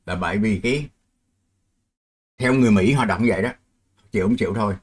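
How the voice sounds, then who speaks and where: A man's voice: on the low side, fast talker. A middle-aged man from Vietnam, hosting a live stream in casual chat, explaining with worked examples and laughing easily.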